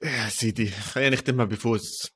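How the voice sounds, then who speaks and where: A man's voice: mid-range voice, fast, fairly bright tone, husky. A man with a Levantine Arabic accent co-hosting a football podcast in casual, colloquial, bantering chat.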